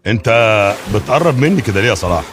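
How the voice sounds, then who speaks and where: Brief: actor as wisecracking Egyptian cop in a radio comedy, rapid-fire, bouncy delivery, faint music underneath. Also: male voice, mid-range voice, sing-song, lightly acted. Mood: sarcastic. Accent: Egyptian Arabic. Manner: mocking, sarcastic banter. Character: joking, teasing male police detective. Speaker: police officer. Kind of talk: comic radio drama acting.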